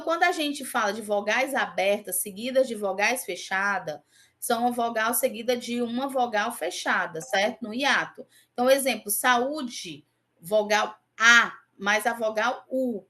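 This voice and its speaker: A woman with a fairly high voice teaches a grammar lesson and walks her students through exam answers. She repeats her example words slowly and keeps asking whether everyone is following. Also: a bit bright. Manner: patient, checks in often with "tá?" and "ok?". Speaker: Portuguese teacher. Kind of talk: online class explaining exam answers.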